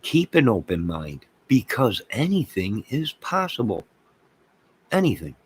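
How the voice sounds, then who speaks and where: This American channel host speaks at medium pitch with wildly swooping intonation, unhurried and slightly rough. His rant to viewers is emphatic and opinionated, leaning on repeated phrases and sarcastic jabs at those who disagree.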